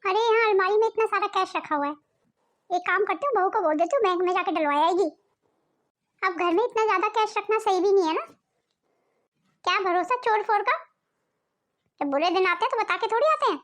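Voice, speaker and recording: A woman voicing a resentful, scheming grown daughter in a family cartoon, in a high, bitter voice. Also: a little fast, pauses often, a bit bright.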